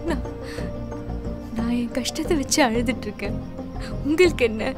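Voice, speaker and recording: A woman's voice: fairly high pitch, normal speed, close to an everyday voice. A woman plays a young pregnant wife who is tearful and accusing, and raises her voice when she is pushed. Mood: bitter, hurt. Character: distraught young pregnant wife demanding the truth. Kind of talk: Tamil web series drama, dubbed. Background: film score music.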